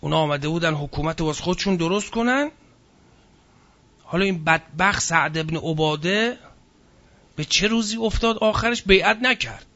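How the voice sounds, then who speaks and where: This religious history lecture comes from a man whose voice is high-pitched and sharp, though the recording sounds muffled. Reading from a book, he pauses now and then to comment in casual speech.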